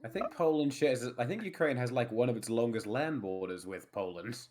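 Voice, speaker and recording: A man's voice: medium pitch, expressive, brisk, a little mellow. A young Australian man chatting casually on a voice call, telling wry stories with frequent laughs. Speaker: player. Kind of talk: casual chat.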